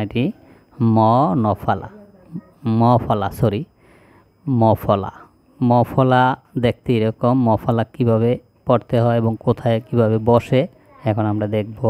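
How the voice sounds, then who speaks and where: A male teacher, slowly reciting a spelling lesson item by item in an even drill. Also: on the low side, smooth. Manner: slow, even, drilling one item after another.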